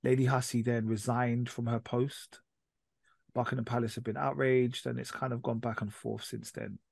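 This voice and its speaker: Gravelly insistent man. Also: mid-range voice, flat delivery, normal speed, a little mellow, no echo, studio quality. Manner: insistent, keeps cutting back in. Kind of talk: podcast discussion.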